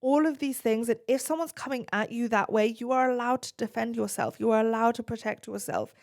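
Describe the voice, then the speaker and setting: A woman's voice: fairly high pitch, animated, a little fast, darkish tone. A woman hosting an advice podcast, answering listener questions in an earnest, direct and reassuring way.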